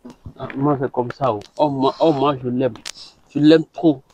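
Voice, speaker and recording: An actor playing a heartbroken young husband who speaks in a hesitant, halting way. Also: male voice, mid-range voice, steady tone, warm tone, dull audio, close to an everyday voice. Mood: worried.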